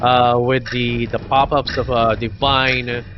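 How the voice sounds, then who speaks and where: A man giving live commentary on an esports match, speaking haltingly with many fillers. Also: mid-range voice, flat delivery, noisy background. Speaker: esports caster. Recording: dull lo-fi stream audio with game music.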